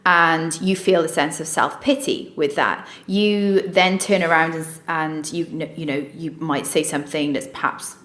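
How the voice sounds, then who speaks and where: Low-voiced woman in an echoey room. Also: measured pace, few pauses, a bit bright. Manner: direct, conversational, addresses listeners. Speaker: podcast co-host. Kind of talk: casual podcast chat.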